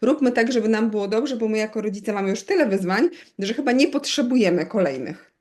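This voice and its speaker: A middle-aged woman from Poland, a teacher of bilingual children, speaking in an easygoing interview. She explains at length, keeps turning to her listener with quick asides, and fills pauses with small hesitations. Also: medium pitch, expressive, darkish tone. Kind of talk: conversational expert interview.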